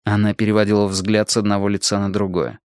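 A man narrating an audiobook in a steady, measured storytelling manner. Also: lowish voice, clean tone, no echo, clean studio sound. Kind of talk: scripted narration.

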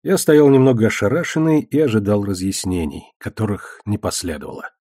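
A man narrating an audiobook in the first person with a measured, even reading. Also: on the low side, no echo, studio quality.

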